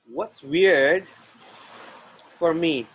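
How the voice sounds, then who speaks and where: An Indian-accented man from India runs an online group call outdoors near the ocean, his voice a little high and a bit bright. He leads listeners through clearing phrases with deliberate, chant-like repetitions.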